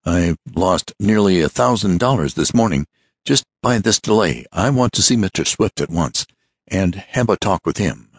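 A man doing a short, stout, fussy little businessman who talks in a breathless, boastful rush, well above the reader's own deep voice. The tone is husky and swings widely in pitch, and the recording is close and dry. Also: lively intonation, no echo, exaggerated voice. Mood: hurried. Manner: rapid, breathless, boastful chatter.

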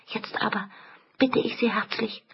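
A woman's voice: fairly even intonation, unhurried, vocal fry, in a whisper, dull audio. A woman doing a pleading young Spanish lady. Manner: pleading, breathless, raised pitch. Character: distressed young Spanish noblewoman fleeing.

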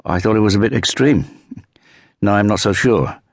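Male narrator performing a reserved, caring fisherman, earnest and polite, pitched above his own voice, dry sound. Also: normal speed, no echo, close to an everyday voice. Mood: friendly. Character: lean strong fisherman, reserved but caring.

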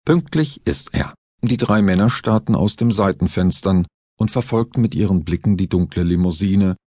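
A man narrating a detective thriller audiobook in a measured storytelling manner. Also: sits low, dark tone, dry recording. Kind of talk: scripted narration.

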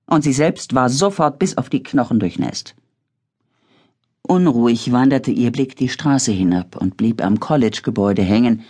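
A woman narrating an audiobook in a dramatic, expressive reading. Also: a bass voice, husky.

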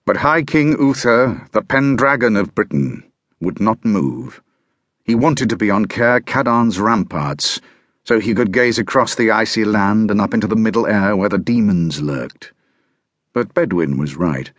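A man narrating a historical novel audiobook in a measured, grave first-person storytelling manner. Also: fairly low pitch, animated, no echo.

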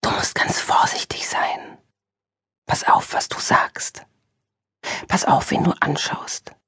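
A woman voicing a mysterious female inner voice in an unvoiced, breathy whispered role-play, urging caution. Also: slow pace, a bit bright, dry recording, studio quality. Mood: warning. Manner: urgent, insistent warnings.

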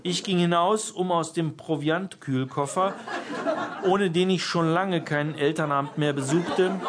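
Male author-narrator, humorous audiobook, dry amused delivery, slightly high voice. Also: noisy background. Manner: wry, amused storytelling. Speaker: author reading his own book.

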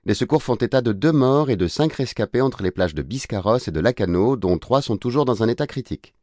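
A man's voice: mid-range voice, expressive, fairly quick, a little mellow, no room sound, clean studio sound, voice pushed up, close to an everyday voice. A male audiobook narrator voicing a regional radio news announcer with a formal news delivery.

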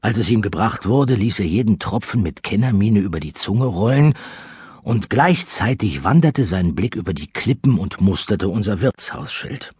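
A man reading an audiobook aloud as narrator, in a lively, expressive storytelling manner. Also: lowish voice, moderate pace, slightly rough, no room sound, studio quality. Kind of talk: scripted narration.

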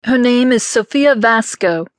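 A man's voice: very high-pitched, animated, unhurried, no echo, clean studio sound, pitched above the performer's own voice. A man narrating an audiobook, voicing a motherly secretary in her late fifties who speaks politely and professionally. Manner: professional, gently admonishing.

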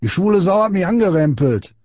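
A little quarrelsome boy hollers indignant insults, as a man puts him on. The pitch jumps well up over a husky voice, and the recording is dull and dry. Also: very animated, brisk, no room sound. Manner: shrill, indignant yelling. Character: small scrappy boy, shrill and quarrelsome.

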